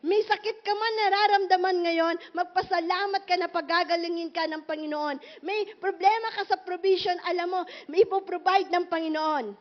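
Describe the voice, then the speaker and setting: A woman pastor preaching a sermon in an animated, emphatic way, full of rhetorical questions, in a muffled recording. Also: extremely high pitch, normal speed, few pauses.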